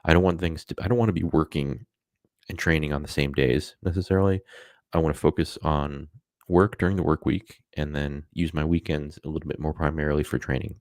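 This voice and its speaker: A man's voice: extremely low pitch, steady tone, a little fast, a little mellow, no room sound, studio quality. A man talking casually on a live stream, rambling with many fillers and self-corrections.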